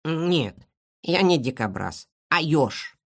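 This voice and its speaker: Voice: mid-range voice, expressive, takes it slowly. A reader as a shy young hedgehog. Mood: modest. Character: modest young male hedgehog.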